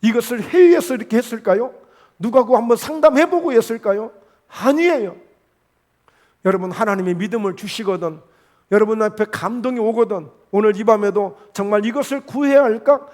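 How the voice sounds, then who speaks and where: A man's voice: sits high, fairly quick, a little mellow. A man preaching a Friday evening sermon in church, acting out quoted voices. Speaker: pastor. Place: church sanctuary.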